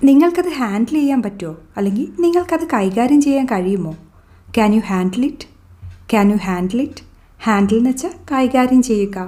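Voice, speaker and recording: Slow, mellow-voiced woman teaching English phrases. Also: a little high. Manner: slow, deliberate, repeats each English sentence twice. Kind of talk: bilingual phrase drill lesson.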